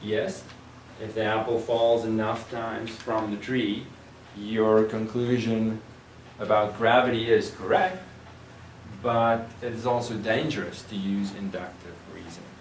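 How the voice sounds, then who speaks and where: A man's voice: fairly low pitch, steady tone, unhurried, slight background noise. A man teaching a math class, explaining reasoning patiently through examples and sometimes trailing off and restarting. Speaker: math instructor. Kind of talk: recorded classroom lecture. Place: classroom or lecture room. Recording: roomy lecture room, distant mic.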